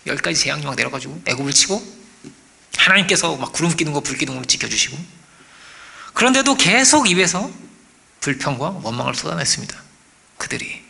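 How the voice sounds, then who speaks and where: A man preaching a sermon as pastor, animated, asking the congregation for agreement and acting out quoted voices. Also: on the high side, brisk, vocal fry, long pauses. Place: church.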